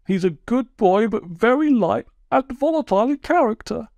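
A man's voice: extremely high pitch, animated, normal speed, creaky, a little mellow, no echo, studio quality, voice pushed up, heavily acted. A man voicing a self-pitying, touchy male toad who speaks in a plaintive, wounded way. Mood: aggrieved.

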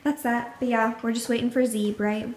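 A young woman chats through her home vlog in a slightly high voice. She rambles cheerfully, full of fillers and little asides. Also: little pitch movement, moderate pace, noisy background. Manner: chatty, upbeat, rambling with fillers. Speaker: vlogger. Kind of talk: casual vlog chat. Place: at home, indoors.

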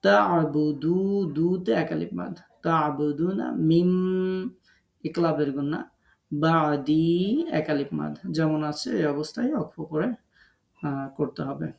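Man, Quran recitation teacher, online tajweed lesson, syllable-by-syllable drilling, rough fry in the voice, echoey room. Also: a little high, steady tone, measured pace. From Bangladesh. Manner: breaks words into syllables, stretching out the recited sounds.

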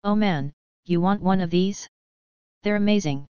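A woman's voice: medium pitch, unhurried, clean tone, dry recording, highs cut off, lightly acted. A woman doing a jovial hulking mercenary. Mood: breezy menace. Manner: jokey, overfamiliar, menacing charm. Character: big boisterous jovial male mercenary.

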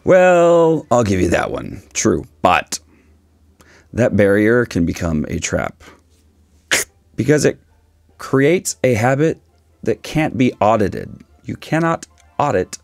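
A man in his forties with a raspy voice, giving a casual, opinionated explainer with dry humour. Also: on the low side, very animated, slow pace, pauses often, dry recording. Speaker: video host, statistics teacher. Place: small dim indoor room, seated.

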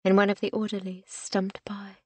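A woman reading a historical novel aloud as an audiobook narrator, in a measured storytelling manner that softens to a hush in quiet passages. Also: mid-range voice, completely flat delivery, no echo.

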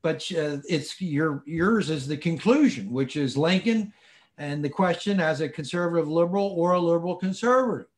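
A man, interviewing in a halting, deferential way over a video call. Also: fairly high pitch, expressive. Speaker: interviewer, host. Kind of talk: conversational interview with read-out quotes. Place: indoor room, video call.

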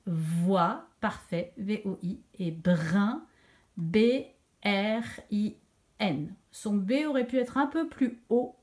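A woman teacher giving a slow dictation lesson to young children, repeating each syllable clearly with emphasis. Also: a little high, darkish tone. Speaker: primary school teacher.

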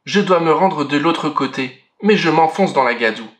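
A man's voice: fairly high pitch, lively intonation, moderate pace, fairly bright tone. A man reading a small worried dog. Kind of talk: storybook read-aloud.

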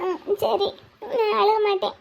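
Woman playing a tearful young wife, super high flat voice, pleading, kinda dull lo-fi audio drama. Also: a little slow, vocal fry, full character voice. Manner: plaintive, pleading.

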